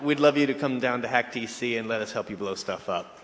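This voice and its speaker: A man in an audience speaking at a microphone, friendly and measured. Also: medium pitch. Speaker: audience member asking a question. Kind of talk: live Q&A question. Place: large hall at a convention. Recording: large hall with faint noise.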